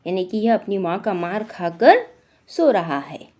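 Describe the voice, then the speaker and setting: Slow woman teacher explaining a story. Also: medium pitch, very animated, darkish tone. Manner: explains words in simple terms. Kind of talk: reading and explaining a textbook lesson.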